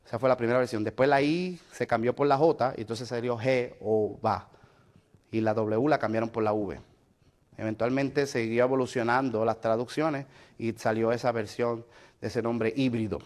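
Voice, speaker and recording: A man's voice: medium pitch, steady tone, moderate pace, a little mellow. A man teaching a Bible study lesson, explaining step by step and checking with listeners whether they follow. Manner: explanatory, asks the listener questions; mixes in English fillers like "so".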